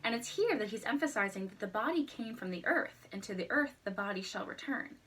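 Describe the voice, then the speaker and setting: A woman's voice: medium pitch, lively intonation, fairly quick, a bit bright, a little hiss or hum. A woman giving a prepared explanatory presentation in a formal, earnest manner. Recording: distant microphone.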